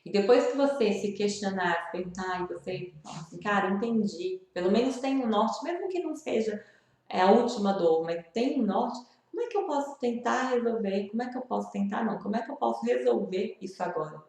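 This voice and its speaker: A woman's voice: mid-range voice, animated, fairly quick, darkish tone. Brazilian woman vlogger, mid-range voice, earnest and confiding, speaks straight to the viewer, very echoey room. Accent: Brazilian Portuguese. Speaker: video host sharing grief advice. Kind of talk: personal vlog talk to camera.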